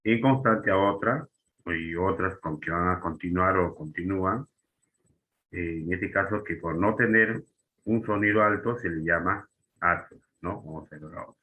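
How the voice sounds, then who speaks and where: A man's voice: low-pitched, moderate pace, pushed and bright, low-quality recording. A man teaching a lesson to young students, explaining step by step with frequent fillers and tag questions. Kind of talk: spelling and grammar lesson.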